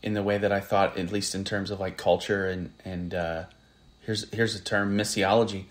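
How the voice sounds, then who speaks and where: A man with a General American accent, co-hosting a casual podcast, reflective and halting as he thinks aloud. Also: sits low, level tone. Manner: reflective, halting, many restarts. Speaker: podcast co-host. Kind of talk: casual conversation.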